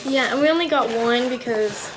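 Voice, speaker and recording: A woman's voice: on the high side, moderate pace, over loud music. A woman chatting casually in a couple's vlog, nervous and complaining about spicy food. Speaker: vlogger.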